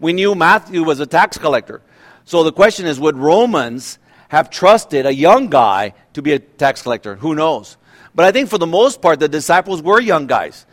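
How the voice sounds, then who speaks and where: A man's voice: fairly high pitch, sing-song, moderate pace. A pastor in his fifties giving a conversational sermon, asking rhetorical questions and often restarting his sentences. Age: 50s.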